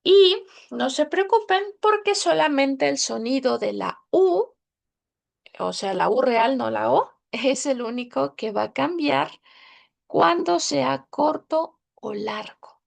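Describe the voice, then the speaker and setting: A woman's voice: high-pitched, lively intonation, slow pace, vocal fry. A woman teaching a language class online, patiently repeating words and checking that students follow.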